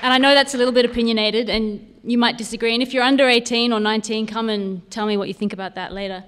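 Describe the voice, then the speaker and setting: A guest speaker at a recovery convention, a Sydney woman in her thirties with an Australian accent faintly mixed with Canadian, talks to an audience informally, candidly and with light humour. Her voice is a little high and a bit bright, quick, with fairly even intonation. A faint crowd and a little hiss or hum can be heard.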